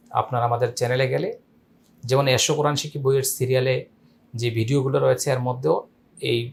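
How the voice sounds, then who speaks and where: A middle-aged man with a Bangladeshi Bengali accent teaching a Quran reading class, spelling out letters slowly and patiently. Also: medium pitch. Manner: patient, repeats and spells out letters slowly, melodic chanting in recitation. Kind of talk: Quran spelling lesson with chanted recitation.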